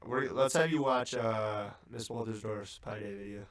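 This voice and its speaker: A man's voice: fairly low pitch, normal speed. A young man in his late teens on a podcast, talking in a loose, rambling way full of fillers. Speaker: podcast co-host. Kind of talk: casual chat.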